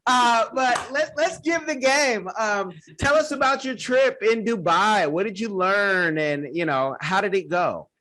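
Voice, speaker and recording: A man hosting a podcast interview, asking questions in a relaxed way and drawing out his phrases. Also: high voice, a little slow, few pauses, a little hiss or hum. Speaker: host.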